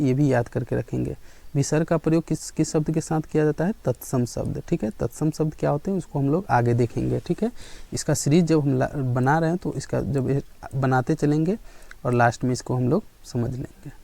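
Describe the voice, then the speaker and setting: Male teacher, grammar lesson, keeps checking in, answers his own questions, mellow tone, dry close sound. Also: on the high side, gravelly, dry recording.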